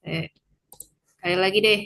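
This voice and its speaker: A woman's voice: on the low side, fairly even intonation, normal speed, creaky, fairly bright tone. A woman on a video call whose audio is choppy and breaking up, chatting casually and counting down for a group photo. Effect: choppy, breaking-up online call audio. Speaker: webinar participant.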